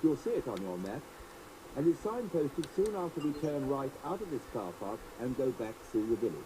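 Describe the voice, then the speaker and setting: Give me a man narrating a driving tour from an old cassette, with a wobbly tape warble that swings his pitch, over loud tape hiss. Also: big pitch swings. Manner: measured, carefully paced directions. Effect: wobbly tape warble from an old cassette player with high wow and flutter. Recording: hissy old cassette tape played back aloud.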